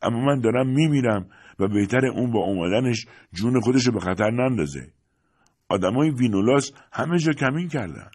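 A man's voice: medium pitch, expressive, darkish tone, pitched above the performer's own voice. A man voicing a frail, bitter old woman on her deathbed, whispering urgent pleas in a storybook reading. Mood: pleading.

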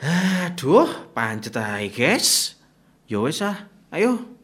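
A man's voice: a little high, very animated, a bit bright, slightly rough, exaggerated voice. An actor playing a cautious young man, reluctant and nervous, in a radio drama. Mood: uneasy. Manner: nervous, reluctant, fast comebacks.

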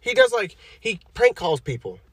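A man's voice: high-pitched, sing-song, moderate pace, over a noisy crowd. Playful jokey podcast co-host man. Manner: jokey, playful, laughs often. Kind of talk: casual podcast chat.

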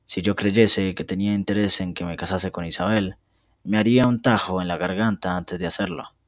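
A man's voice: low-pitched, steady tone, normal speed, no echo, clean studio sound. A young man reading aloud as a bitter, vengeful man who speaks in resentful threats. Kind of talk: amateur reading of a novel.

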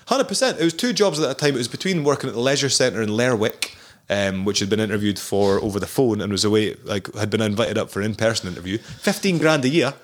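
A man's voice: lowish voice, animated, fast. Scottish guy, broad accent, chatting away on a podcast using scots words. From Scotland. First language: Scots and English. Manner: speaks in Scots dialect words. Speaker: podcast guest. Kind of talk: casual interview chat.

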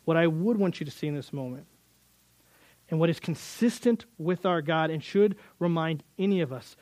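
A man's voice: fairly high pitch, no echo. A man teaching through a Bible passage in earnest, often repeating words as he builds emphasis.

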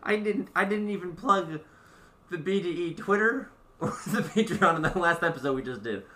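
Chatty man podcast host, bright voice. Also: sits high, expressive, normal speed, far from the mic. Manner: chatty, laughs often, self-deprecating. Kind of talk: casual chat.

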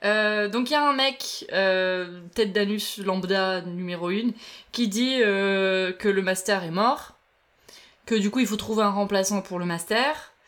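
A woman's voice: medium pitch, a little slow, fairly bright tone. A young woman casually recapping a TV episode with friends, hesitant with many fillers and frequent laughter. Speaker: podcast co-host recapping a TV episode. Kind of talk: casual chat.

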